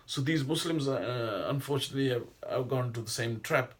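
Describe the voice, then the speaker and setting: A middle-aged Islamic teacher whose first language isn't Arabic gives an informal religious lesson in a medium-pitched voice at a fairly quick pace. He rambles and digresses, with many hesitations and restarts.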